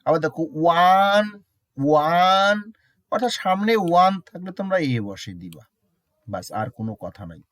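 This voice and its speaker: A man teaching a grammar lesson, who keeps checking with students, mixes English examples into his explanation and repeats words slowly to show how they sound. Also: fairly high pitch, big pitch swings, no room sound, studio quality. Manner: asks students frequent check questions.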